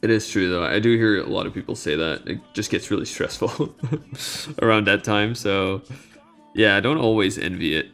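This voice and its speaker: A man in his twenties from Belgium, chatting casually and rambling with fillers and soft laughs while streaming. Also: on the low side, moderate pace, soft background music. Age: 20s. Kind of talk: casual live-stream chat.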